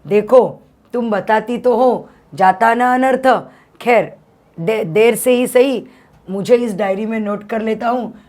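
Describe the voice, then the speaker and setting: A woman reading out a stern stingy master of the house, lecturing, counting money out slowly, read aloud from a story in class. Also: fairly high pitch, a little mellow. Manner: lecturing, drawn-out reckoning of money.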